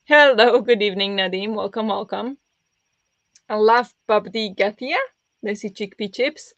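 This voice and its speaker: Rambling through a casual livestream chat, a woman hosting book reading sprints stumbles over fillers and restarts. She speaks a little slowly in a mid-range, fairly bright voice that's pressed and turns raspy easily. The recording is dull, lo-fi and dry.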